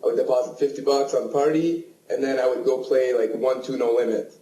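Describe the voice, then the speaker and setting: A man's voice: mid-range voice, fairly even intonation, fairly quick, dark tone, echoey room, slight background noise, low-quality recording. A Canadian man, a poker player guest, telling his story frankly and plainly. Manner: frank, storytelling with self-deprecating asides. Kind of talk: casual interview answers.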